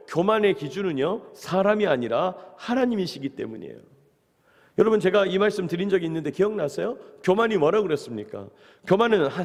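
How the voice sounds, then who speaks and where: A man's voice: fairly high pitch, in a large hall. A male pastor preaching an earnest early-morning sermon, often turning to address the congregation directly. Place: church sanctuary.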